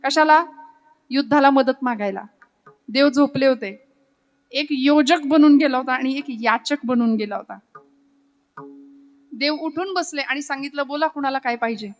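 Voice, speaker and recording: A woman from Maharashtra leads a devotional kirtan with a high voice. She tells her stories with flair and slips into sung verses. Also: a little slow, long pauses, faint music behind. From Maharashtra, India. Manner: dramatic storytelling, breaking into sung verses. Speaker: kirtan preacher.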